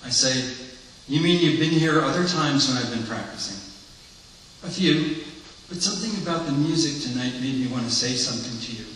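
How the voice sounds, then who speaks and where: Man reading earnest blind man confiding in a priest, candid monologue, bright tone, distant mic. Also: medium pitch, animated, moderate pace, slight background noise, natural voice. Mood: reflective. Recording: echoey hall from far off.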